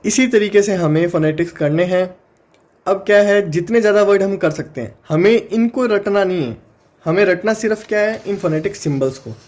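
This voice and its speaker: Indian man, exam-prep tutor, higher-pitched voice, patient step-by-step explainer. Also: darkish tone. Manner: explains step by step, sounds words out slowly. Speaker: teacher.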